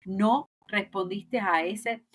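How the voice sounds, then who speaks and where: A woman voicing God in a told parable, speaking calmly and patiently. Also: medium pitch, slow, a little hiss or hum, natural voice. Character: God, calmly answering a believer.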